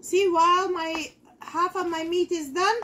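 A woman's voice: very high voice, steady tone, measured pace, fairly bright tone, a little hiss or hum. A middle-aged woman giving a casual cooking demonstration in her home kitchen, chatting to viewers as she works. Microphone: fixed camera in front of the counter.

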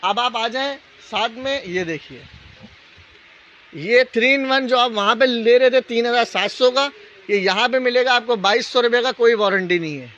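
Male shop seller, Pakistani accent, high voice, off-the-cuff live pitch with repeated prices, dull phone audio. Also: moderate pace, a bit bright. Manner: repeats prices and tag phrases like a street seller. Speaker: shop salesman hosting a live sale video. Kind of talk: live product sales pitch, casual and unscripted. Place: indoor appliance store, walking the aisles. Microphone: handheld phone.

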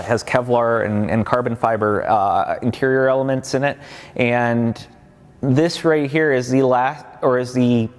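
A man in his thirties giving an enthusiastic, fact-packed walkaround as a guide to a company collection, with lots of fillers. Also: medium pitch. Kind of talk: casual walkaround explanation. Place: large underground parking garage. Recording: long garage reverb.

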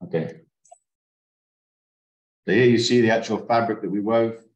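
A man giving an online presentation on weaving, speaking a little haltingly. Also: fairly low pitch, lo-fi sound. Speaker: master weaver presenter. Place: indoors, video call. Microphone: video call. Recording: roomy video call audio.

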